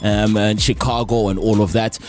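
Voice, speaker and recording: A man hosting a live radio interview, with lively, joking patter. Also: fairly low pitch, normal speed. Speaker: radio host. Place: radio studio.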